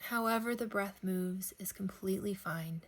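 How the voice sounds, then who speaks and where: This is a guided sleep meditation led by a woman of medium pitch, whose soft, unhurried phrasing is broken by lengthy pauses.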